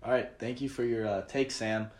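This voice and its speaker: A man hosting a podcast, steering the talk in a measured way with filler ums. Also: medium pitch, steady tone, darkish tone. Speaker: podcast host. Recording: echoey room.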